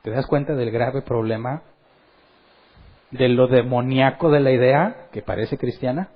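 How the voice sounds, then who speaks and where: A man gives a Bible teaching in a sermon style. His voice is husky, at an ordinary pitch for a man. He often questions his listeners and acts out quotes, and the recording sounds a little dull and lo-fi. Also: unhurried. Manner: animated, asks the audience questions and acts out quotes. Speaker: pastor teaching a Bible study.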